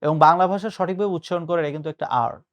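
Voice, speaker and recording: A man's voice: high-pitched, rapid-fire, clean tone. A male tutor giving a patient spoken lesson, explaining and mixing in English words. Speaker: admission test tutor.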